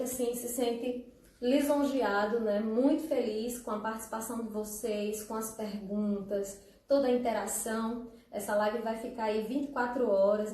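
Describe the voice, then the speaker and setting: A woman's voice: fairly high pitch, a little mellow. A woman hosting a casual live stream as a teacher. She is chatty, laughs often and talks straight to her viewers. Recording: echoey room, far from the mic.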